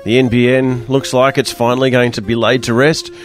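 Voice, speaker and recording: An Australian man with a croaky, hoarse voice hosting a radio show in a casual, chatty, joking way. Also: mid-range voice, level tone, brisk, faint music behind. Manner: chatty, loose, jokey banter. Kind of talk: casual panel-show presenting.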